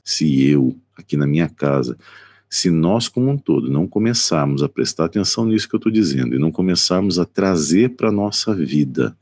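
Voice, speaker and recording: A Brazilian man with a very deep, gravelly and husky voice speaks on a live stream from his apartment. He talks as a psychotherapist addressing viewers directly. His delivery is conversational and full of rhetorical questions. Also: darkish tone, no room sound. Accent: Brazilian Portuguese. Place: apartment at home.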